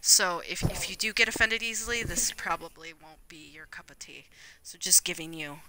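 A woman's voice: fairly low pitch, normal speed, crowd noise, rough recording. A laid-back young woman streaming games live, chatting casually and rambling with lots of fillers. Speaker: gaming streamer.

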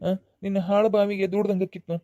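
A man voicing a stern, high-voiced cartoon father. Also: flat delivery, fairly quick, mellow, no room sound, muffled recording, lightly acted. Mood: remorseful. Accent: North Karnataka Kannada. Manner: scolding, emotional, repeats himself. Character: aging father of a grown daughter, stern then remorseful. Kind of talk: cartoon voice acting.

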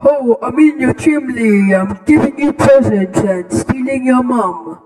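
A man's voice: extremely high pitch, a little slow, a little mellow. A man joking around in mock-Santa banter, his voice ringing with a cave-like echo. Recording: cavernous echo, distant from the mic, faint music.

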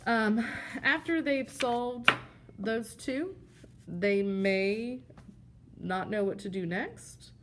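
A woman teacher with a higher voice speaks very slowly as she plainly explains a classroom game step by step, showing the props along the way. There is background noise.

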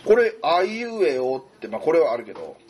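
Lively high-voiced man explaining at a board. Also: a little fast, muffled recording. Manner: chatty, loose, thinks aloud while explaining. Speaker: tutor. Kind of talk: casual whiteboard lesson.

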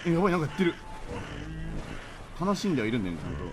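A man streaming a horror game, reacting with excitable, jumpy outbursts and rapid joking asides. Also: fairly high pitch, noisy background. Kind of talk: live horror game commentary.

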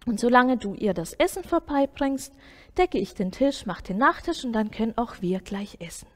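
A woman voicing a caring, gently firm grandmother in a children's story, breathy and coaxing. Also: on the high side, animated, moderate pace, long reverb tail.

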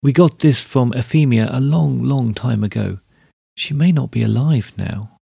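A fretful old peasant woman from a storybook reading, as a male narrator puts her on. She pleads and snaps in turn, her voice gravelly and husky. The sound is close and dry. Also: medium pitch, normal speed, mellow, no echo. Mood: cross. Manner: cross, pleading, tearful. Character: anxious old peasant woman dictating a letter.

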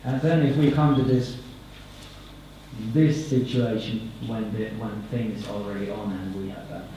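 A man in his thirties with a Finnish accent giving a conference presentation at a podium microphone, halting and repeating words, his phrases trailing off. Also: on the low side, fairly even intonation, dark tone, slight background noise. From Finland. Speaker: conference speaker. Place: conference hall, indoors. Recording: echoey hall, picked up from far off.

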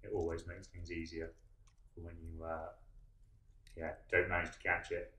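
A head chef in his thirties walks through a recipe with an easy, explanatory manner, pausing often with ums. His voice sits fairly low and has a bright, forward edge. The sound rings around a large wood-panelled hall, with faint music underneath. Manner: relaxed, explanatory, many ums. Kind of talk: cooking demonstration. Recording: echoey hall.

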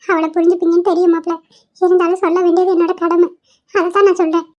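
A woman's voice: very high voice, little pitch movement, fast talker, darkish tone, muffled recording. A woman voicing a fussy, scolding old grandmother in a cartoon, pleading and nagging. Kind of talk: Tamil cartoon voice acting.

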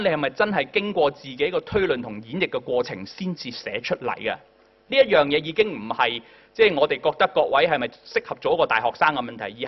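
A man's voice: medium pitch, breathy edge. A man with a Hong Kong Cantonese accent giving a classroom lecture as a workshop tutor, often prompting the class with "嗱" and "嚇". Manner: addresses the class directly with frequent "嗱" and "嚇" prompts. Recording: dull lo-fi recording.

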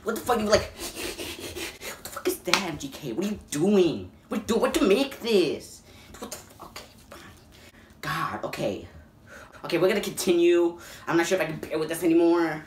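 A man hosting a reaction video, excitable and swearing constantly, breaking into loud yelps of disbelief. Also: fairly high pitch, normal speed, slight background noise. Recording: echoey room.

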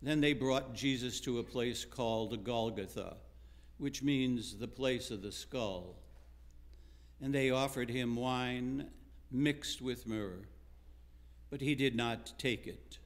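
Slow, measured male scripture reader. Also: mid-range voice. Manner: slow, measured reading with pauses between phrases. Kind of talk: reading scripture aloud in a worship service. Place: church sanctuary.

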